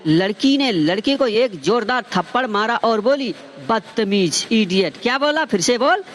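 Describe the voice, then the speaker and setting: A man's voice: extremely high pitch, expressive, moderate pace, a bit bright, slight background noise. A man telling short jokes to his viewers, acting out the lines of each character. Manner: punchy joke delivery, acts out dialogue. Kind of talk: joke storytelling to viewers.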